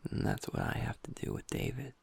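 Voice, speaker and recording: A man voices a soft-spoken young werewolf boyfriend, usually upbeat but downcast here, in an intimate audio roleplay. He stays close to the mic, half-whispering much of the time in his natural voice, breaking off and starting again as he confides in a vulnerable way.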